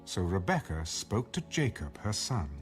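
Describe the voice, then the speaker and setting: In this scripted audio Bible narration, a man tells scripture like a story. His low voice has lively pitch and measured phrasing. Music can be clearly heard beneath him.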